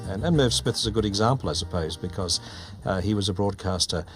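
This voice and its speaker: A man's voice: low voice, fast talker, faint music behind. An older man, a veteran broadcaster recalling his work in an interview. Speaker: veteran radio broadcaster and trainer. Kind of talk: interview recollection.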